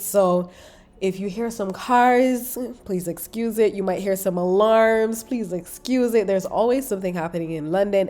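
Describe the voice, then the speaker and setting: This podcast host has a medium-pitched, mellow voice and a cold that leaves her sniffly and stuffed up. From the Caribbean, she talks casually about spiritual matters in an affectionate, encouraging, conversational manner, recording in a London apartment close to a busy road.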